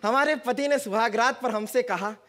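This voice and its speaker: A man's voice: extremely high pitch, moderate pace, a bit bright. A man playing a pompous queen mother in a stage comedy sketch, speaking in a grand royal manner and fussing over her daughter. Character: pompous bossy queen mother, middle-aged woman. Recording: noisy live stage recording.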